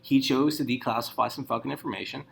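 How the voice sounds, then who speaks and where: A man's voice: mid-range voice, quick pace, gravelly, fairly bright tone, a little hiss or hum. A man giving casual, rambling political commentary, swearing often and restarting his sentences. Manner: profane, rambling, many restarts.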